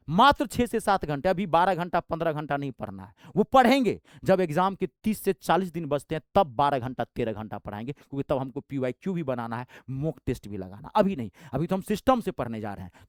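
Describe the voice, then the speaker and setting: A man's voice: on the high side, no room sound, studio quality. A man, giving a fiery, blunt motivational exam-prep talk as a coaching teacher, with rustic slang.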